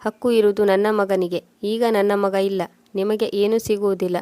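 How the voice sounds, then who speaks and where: A woman's voice: mid-range voice, level tone, normal speed, dark tone, no echo, close to an everyday voice. A woman voicing a harsh, scornful old mother-in-law who scolds in cutting words.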